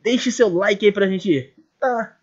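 A young man from Paraná, Brazil, chatting casually over a game, excitable and joking, with a lot of swearing. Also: high-pitched, slow. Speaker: gaming YouTuber. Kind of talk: casual gameplay chat. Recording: dull lo-fi recording.

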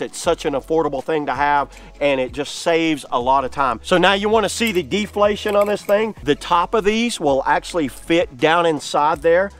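A man's voice: a little high, a bit bright. Chatty upbeat man demoing gear outdoors. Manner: enthusiastic, chatty, lots of "like" fillers. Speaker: product reviewer. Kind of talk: casual hands-on product demo. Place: outdoors on grass.

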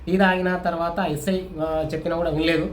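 A man's voice: fairly high pitch, level tone, fairly quick. A man giving casual, opinionated spoken news commentary, with many restarts and fillers. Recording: echoey room with faint ambient noise.

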